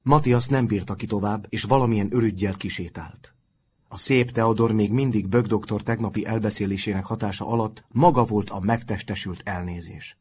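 A man reading a novel aloud in a calm, measured audiobook narration. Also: lowish voice, breathy edge.

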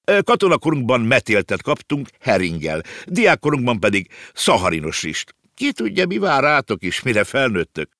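A man voicing a hearty, eccentric older uncle who cries out eagerly, in a voice pitched well above his own. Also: wildly swooping pitch, few pauses, fairly bright tone, no room sound, clean studio sound. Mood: jovial. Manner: hearty, exclamatory.

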